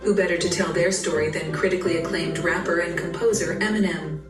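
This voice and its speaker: An actress playing a brash, mocking supplement announcer in a parody infomercial. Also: female voice, lowish voice, steady tone, a little fast, close to an everyday voice. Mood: brash, salesy. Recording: roomy distant playback with music.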